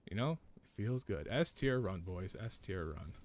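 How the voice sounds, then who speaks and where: A man's voice: deep voice, animated, a little slow, slight background noise. A man streaming a video game, chatting casually as he plays and often repeating his own phrases. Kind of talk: casual live gameplay commentary.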